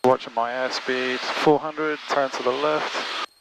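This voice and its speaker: A man's voice: mid-range voice, level tone, slow pace. A man training as a pilot, talking casually and calling the tower over a cockpit headset intercom. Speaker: student pilot. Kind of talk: casual cockpit talk and radio calls. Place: small plane cockpit. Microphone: headset mic. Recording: noisy cockpit intercom with engine hum. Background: engine noise.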